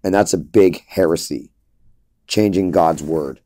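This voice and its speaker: Emphatic, lecturing man with a low voice. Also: measured pace, dark tone, dry recording. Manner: emphatic, lecturing, repeats points. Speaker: preacher. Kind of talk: informal preaching monologue.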